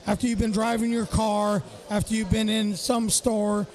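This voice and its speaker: A man's voice: sits high, level tone, moderate pace, a loud crowd. A man co-hosting a casual live show, blunt and profane, scolding people. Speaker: podcast co-host. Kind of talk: casual banter on a live stream.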